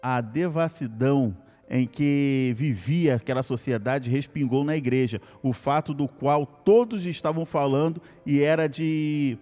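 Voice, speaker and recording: A male Brazilian pastor giving an earnest Bible study sermon, repeating key points slowly and calling out to the congregation. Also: medium pitch, mellow, in a large hall, muffled recording, faint music behind. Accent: Brazilian Portuguese.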